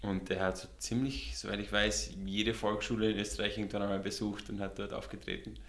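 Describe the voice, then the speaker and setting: A man's voice: on the low side, flat delivery, fairly quick, a bit bright, roomy sound. A man in his thirties with an Austrian German accent tinged by American English, talking easily as a guest, often repeating words and laughing. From Austria and the USA. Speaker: guest, visual artist. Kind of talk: relaxed interview conversation.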